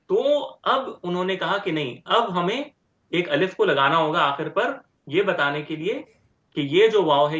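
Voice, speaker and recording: A man teaching Arabic grammar step by step in an online lecture, repeating word forms slowly and often checking with "ठीक है?". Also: high voice, fairly bright tone. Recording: roomy, dull lo-fi sound.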